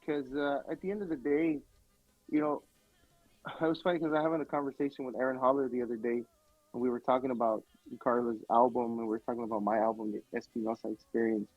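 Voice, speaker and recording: A man speaking as a music producer guest in a casual radio interview, telling stories in an animated way, heard over a tinny dry phone line. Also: medium pitch, fast talker, no room sound. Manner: animated storytelling.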